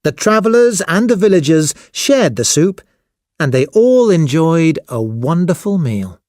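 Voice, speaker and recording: Guy reading a kids storybook, slow and super lively, dry close sound. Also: fairly high pitch, dry recording. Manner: slow, expressive, clearly spoken. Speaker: narrator. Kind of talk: scripted storybook narration for children.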